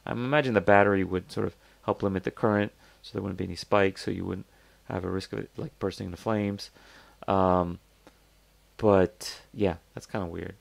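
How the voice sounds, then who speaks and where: Gravelly casual man rambling through a review. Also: deep voice, fairly even intonation, moderate pace, no echo. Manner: rambling, thinking aloud with many fillers and restarts; skeptical, conversational. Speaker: host reviewing crowdfunding products. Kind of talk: casual product review talk.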